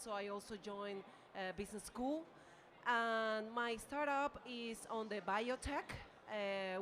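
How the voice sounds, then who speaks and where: A woman from Venezuela, a scientist and startup founder, introducing herself in an earnest, steady way. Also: medium pitch. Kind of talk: conference self-introduction. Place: conference room with audience.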